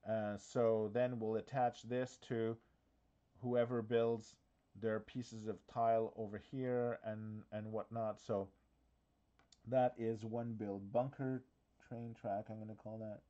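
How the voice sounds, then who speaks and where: A man's voice: on the low side, little pitch movement, slow pace, warm tone, lo-fi sound. A man hosting a casual live walkthrough from his office, talking in a chatty, hesitant way full of fillers and restarts, with the hiccups. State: has the hiccups. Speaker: diorama workshop host.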